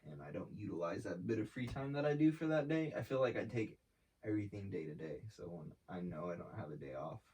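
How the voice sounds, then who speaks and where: This young artist and brand founder talks fast in a low, slightly mellow, animated voice. In a casual interview, he keeps it laid-back and slangy, swears, and leans heavily on fillers, his voice picked up from a distance off the mic.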